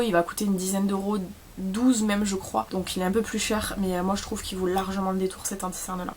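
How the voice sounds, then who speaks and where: A woman's voice: medium pitch, slight background noise. A young woman from southern France with a southern French accent, chatting casually through a makeup tutorial, rambling with many fillers and asides. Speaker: beauty vlogger.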